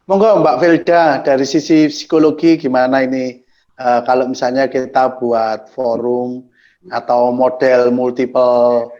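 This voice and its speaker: A man moderating an online forum, brisk and courteous, on a video call. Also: medium pitch, little pitch movement, darkish tone, lo-fi sound. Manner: brisk, courteous, short acknowledgments.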